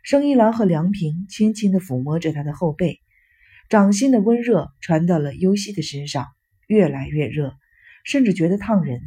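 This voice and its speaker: Warm, husky woman narrating a story. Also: on the low side, lively intonation, normal speed. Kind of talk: audiobook narration.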